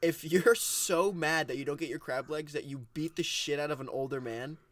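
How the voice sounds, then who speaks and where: A man's voice: fairly high pitch, moderate pace, fairly bright tone, slight background noise. A young man co-hosting a casual podcast, rambling, laughing often and trailing off mid-sentence. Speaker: podcast co-host.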